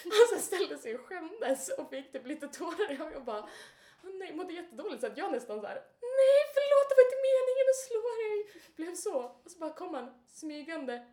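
A woman co-hosting a podcast, telling stories in a casual, animated way and acting out quotes. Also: sits high, roomy sound. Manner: animated, laughing, acts out quotes. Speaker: podcast co-host. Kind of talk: casual chat, storytelling.

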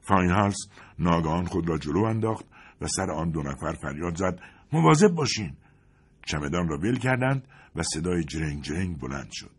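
A man reading a war novel aloud as a narrator, in a scripted, expressive storytelling delivery. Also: sits low, husky. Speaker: audiobook narrator.

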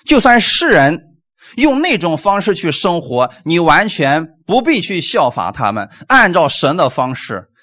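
A man whose voice is on the high side preaches an animated sermon packed with rhetorical questions, wrapping up his points with "amen".

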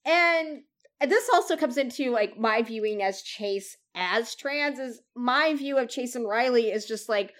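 A woman co-hosting a podcast in casual chat, rambling and cutting herself off with quick asides. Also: on the high side, animated, fairly bright tone. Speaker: podcast co-host.

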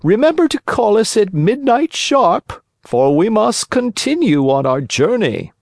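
A man's voice: high-pitched, sing-song, unhurried, vocal fry, no echo, studio quality, voice pushed up, exaggerated voice. A man voicing a sly, scheming male fox giving orders at an inn.

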